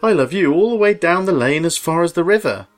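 A man's voice: on the high side, lively intonation, a little fast, voice pushed up, natural voice. A man voicing an eager, affectionate little boy hare in a storybook reading, earnest and childlike, with music behind. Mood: eager, loving.

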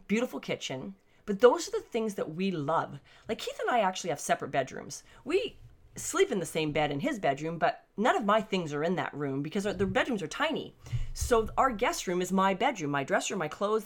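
Older woman, low voice, candid, conversational, home vlog. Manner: candid, conversational, thinking aloud. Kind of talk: personal reflective monologue. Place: basement suite at home.

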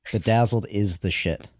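A man's voice: lowish voice, slow pace, no room sound, clean studio sound. A man co-hosting a comedy podcast, easygoing and self-mocking, laughing often as he talks. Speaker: podcast co-host. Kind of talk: casual comedy chat.

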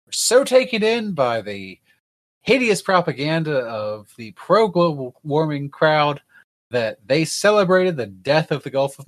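A man narrating as game master in a tabletop game, rambling and wry, with many fillers. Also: on the high side.

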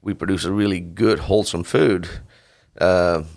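A middle-aged Dutch dairy farmer with a Dutch accent answers interview questions haltingly, full of fillers and restarts. His voice sits low, with a steady and somewhat dark tone.

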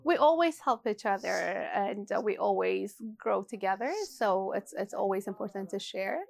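This shop co-owner from Ethiopia, a woman in her forties, answers interview questions haltingly, often restarting and using fillers. She talks at a normal pace in a mid-range voice with vocal fry, and the interview has a casual feel.

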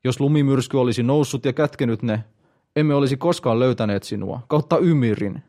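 A man voicing a gruff blond northern warrior in an audiobook reading. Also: medium pitch, warm tone, lightly acted. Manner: gruff, a little raised.

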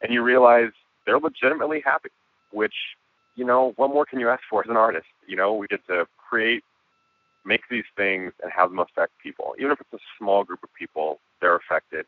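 A man with a hoarse voice, a guest musician and filmmaker talking reflectively in a casual interview. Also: fairly low pitch, a little fast, no room sound. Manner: reflective, with frequent restarts and laughs. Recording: tinny phone-like line.

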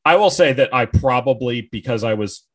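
A man's voice: medium pitch, animated, normal speed. A man in his thirties from New Hampshire, chatting on a podcast, rambling and repeating words as he thinks. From northern New Hampshire, USA. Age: 30s. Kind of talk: casual podcast chat.

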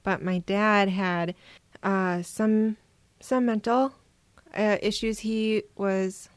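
A woman from Minnesota, a guest on an interview podcast, telling her personal story in a reflective, soft-spoken way. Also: mid-range voice, steady tone, takes it slowly, no echo. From Minnesota, USA. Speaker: guest adoptee.

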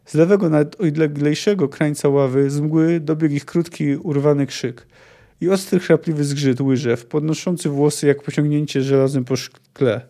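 A man's voice: fairly high pitch, fairly even intonation, moderate pace, dark tone. A man hosting a book podcast, reading a fantasy novel aloud expressively and adding casual comments. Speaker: podcast host.

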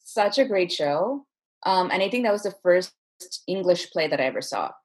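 A woman in her thirties from Chennai, India, tells her story as an interview guest, informal and chatty, often saying "like." Her voice is on the low side, husky and darkish, expressive and delivered at normal speed.

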